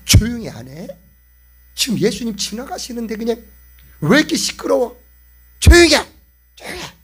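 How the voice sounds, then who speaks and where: A pastor voicing an irritated crowd that sharply scolds a beggar to be quiet. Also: male voice, extremely high pitch, very animated, normal speed, slightly rough, voice pushed up, heavily acted. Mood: scolding. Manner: scolding, barking.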